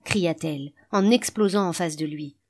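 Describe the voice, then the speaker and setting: A woman narrating a literary audiobook in a calm, measured reading. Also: fairly low pitch.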